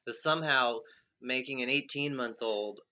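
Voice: mid-range voice, moderate pace, sharp tone. A podcast co-host chatting casually, joking and swearing freely. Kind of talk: casual chat.

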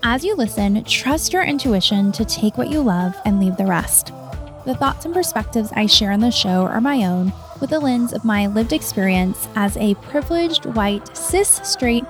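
A woman in her 30s, a leadership coach, hosts her own podcast and delivers a solo monologue into a studio mic, candid and conversational. Her fairly high voice is expressive at a moderate pace, with faint music behind her.

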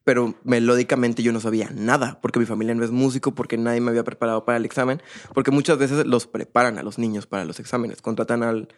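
A man's voice: medium pitch, fairly even intonation, quick pace. A young man, a percussionist guest, telling his story in a casual, rambling way with many fillers and restarts.

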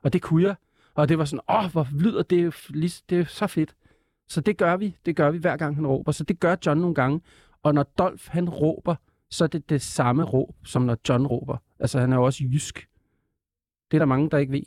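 Animated man with a slightly high voice. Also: no room sound, studio quality. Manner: animated, stammering restarts. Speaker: TV presenter as guest. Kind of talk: casual interview chat.

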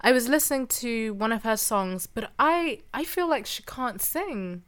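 A woman's voice: on the high side, lively intonation, a little slow, a bit bright, smooth. A woman chatting and sharing opinions as a panellist in a casual podcast discussion. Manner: conversational, opinionated.

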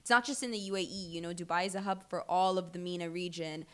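A young adult woman from Abu Dhabi, a guest entrepreneur telling her story in a chatty, animated way, full of "like"s. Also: fairly low pitch, quick pace, clean tone. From Abu Dhabi, UAE. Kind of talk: casual chat.

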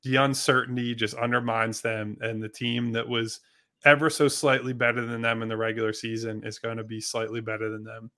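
A man's voice: mid-range voice, level tone, brisk, pushed and bright. A man co-hosting a sports podcast, arguing his points bluntly and emphatically, with frequent swearing and restarts. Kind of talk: casual sports debate.

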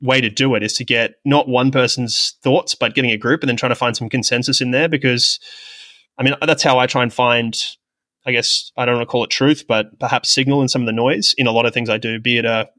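A sports-tech professional with medical and coaching experience talks conversationally as a podcast guest, wandering, reflective, and quick to put himself down. His medium-pitched voice has a sharp tone, fairly even intonation, and a slightly fast pace.

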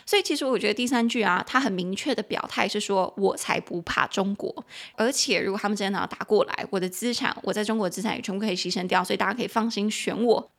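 A woman's voice: mid-range voice, very fast, few pauses. Chatty woman teaching English. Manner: chatty and animated, mixing English phrases into Mandarin and spelling words out. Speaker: podcast host and English teacher. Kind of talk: casual explanatory podcast lesson.

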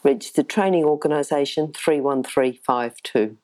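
A woman's voice: low-pitched, moderate pace, darkish tone, echoey room. A woman hosting an interview podcast, introducing the programme and speaking to listeners and her guest. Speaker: podcast host.

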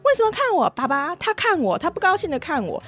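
一位女士模仿一个三四岁、说话大声又没礼貌的小男孩，语气任性、爱命令人。. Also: female voice, extremely high pitch, big pitch swings, fast talker, fairly bright tone, soft background music, voice pushed up, exaggerated voice. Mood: indignant. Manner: demanding, whiny. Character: rude loud little boy of three or four.

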